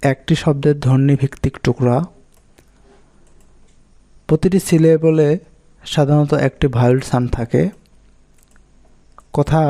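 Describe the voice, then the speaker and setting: A Bengali-speaking man teaching English pronunciation rules, calmly working through examples one at a time. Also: mid-range voice. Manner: steady, methodical, lists examples one by one.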